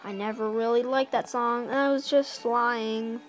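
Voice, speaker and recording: A young woman with a somewhat high voice chats her way through a handheld game, excitable and quick to wander off on asides. She is filming in a small dim room, and faint game music plays behind her. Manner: chatty, excitable, rambling asides. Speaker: gameplay narrator. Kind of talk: casual let's-play commentary. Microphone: handheld camera filming a game screen.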